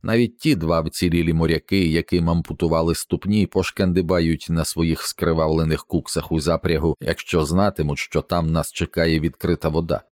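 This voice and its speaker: A man's voice: low voice, steady tone, a little mellow, no room sound, studio quality, natural voice. A man reading a grim ship's captain. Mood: stern. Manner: firm, measured orders. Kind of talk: audiobook character reading.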